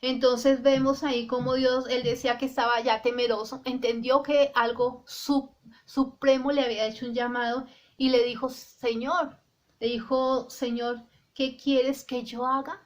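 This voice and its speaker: A woman preaching a sermon in Spanish style, earnestly addressing the listener and slowing down to quote scripture, with some restarts. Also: a little high, little pitch movement. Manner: restarts and repeats words.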